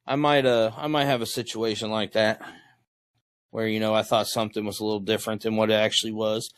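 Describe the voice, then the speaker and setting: A man hosting a casual podcast over a call, joking with profanity and laughing loudly. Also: level tone, fast, clear, resonant tone, dry recording, studio quality. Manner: profane, jokey, laughs loudly and jumps high in pitch when amused. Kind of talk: casual chat. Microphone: video call.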